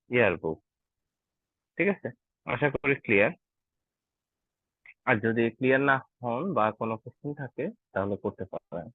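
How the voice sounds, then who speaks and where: A man's voice: medium pitch, dry recording. Guy teaching german numbers in an online class, keeps asking if everyone gets it, tinny call sound. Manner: patient, asks learners "ঠিক আছে?" often.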